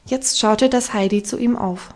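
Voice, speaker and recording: A woman narrating a classic children's novel as an audiobook, with calm, even storytelling. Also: a little high, a little slow. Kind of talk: scripted narration.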